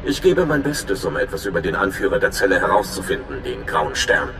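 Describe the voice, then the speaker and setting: A man plays a nervous, friendly young undercover informant in a video game, chatty and informal with a touch of anxiety, sounding anxious and confiding. His low-pitched, sing-song voice moves briskly. The recording is reverberant, with a noisy background and clear music behind the voice.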